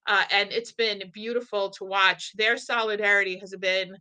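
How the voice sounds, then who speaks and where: A woman from the Northeastern US hosting a podcast, talking in an animated, blunt way and swearing casually. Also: medium pitch, moderate pace, clear, resonant tone, low-quality recording. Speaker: podcast host. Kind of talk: casual conversation.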